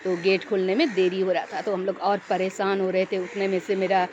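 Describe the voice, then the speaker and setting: A woman's voice: medium pitch, little pitch movement, fairly quick. A young woman telling a story in a casual vlog, rambling and repeating herself, growing tense as she recalls a scare. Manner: rambling, repeats and restarts phrases. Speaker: vlogger. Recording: dull lo-fi recording with loud background noise and crows.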